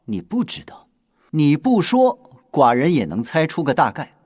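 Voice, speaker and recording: An actor playing a lovesick king in a costume TV drama, wheedling and self-pitying, swinging from loud outbursts to hushed asides. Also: mid-range voice, big pitch swings, brisk, breathy edge, no echo, studio quality. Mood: brooding. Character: lovesick grumbling male king, middle-aged.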